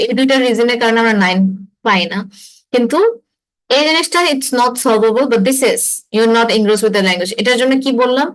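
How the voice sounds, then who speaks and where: A woman's voice: fairly high pitch, rough recording. A young woman, an exam-prep instructor, explains things in a lecture and mixes in English phrases. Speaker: IELTS instructor. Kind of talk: online class lecture.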